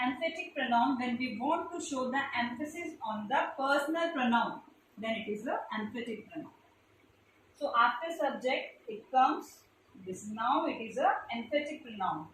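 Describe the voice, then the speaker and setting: Her voice sits high with a fairly bright tone as she, a teacher with an Indian English accent, breaks down grammar step by step for a classroom of pupils and spells out letters. The room is echoey, the mic is distant, and there's a little hiss or hum.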